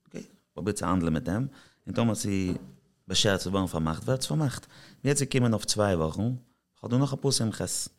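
A man's voice: fairly low pitch, fairly quick, creaky. A man from Israel, a singer, talking as a podcast guest in an easygoing, storytelling way. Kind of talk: casual interview chat.

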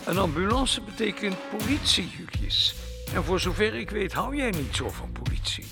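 A man playing a calm, matter-of-fact hundred-year-old man in an audio drama. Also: sits high, moderate pace, music in the background. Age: over 90.

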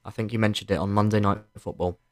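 A man co-hosting a sports podcast in relaxed, informal conversation. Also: lowish voice, quick pace. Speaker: podcast co-host. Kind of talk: casual sports podcast chat.

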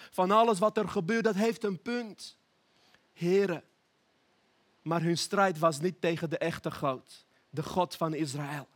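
A young man from Armenia preaching an earnest, emphatic sermon, slowing down for prayerful appeals. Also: high voice.

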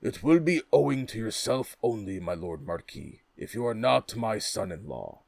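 A man's voice: on the low side, big pitch swings, moderate pace, gravelly, no room sound, full character voice. A man doing an exclaiming, astonished king. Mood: amazed. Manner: exclaiming, loud. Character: astonished, gushing old male king.

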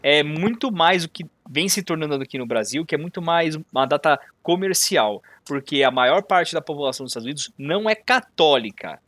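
A man's voice: on the high side, animated, fairly quick, few pauses, fairly bright tone, no echo. A man with a Brazilian Portuguese accent chatting casually as a co-host, in a contrarian, explanatory way. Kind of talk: casual chat.

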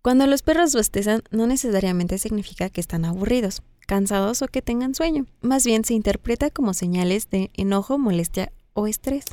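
A woman co-hosting a casual chat, reading tips in a steady voice and laughing along. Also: mid-range voice, fairly quick, few pauses, dry recording. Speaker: co-host.

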